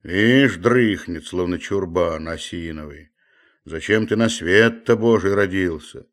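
A man's voice: low voice, measured pace. A man voicing a stubborn old male manservant who coaxes and scolds with a drawling, muttering manner. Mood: coaxing, scolding.

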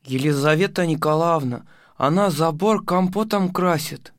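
A woman's voice: sits low, moderate pace, no room sound, clean studio sound, close to an everyday voice. A woman voicing a little boy telling the teacher, matter-of-fact. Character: young boy reporting to teacher.

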